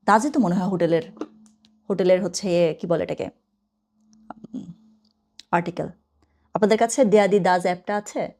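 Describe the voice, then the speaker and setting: A woman's voice: mid-range voice, a little mellow. Chatty woman teaching German. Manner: chatty, mixes English phrases, thinks aloud with fillers. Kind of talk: casual online lesson.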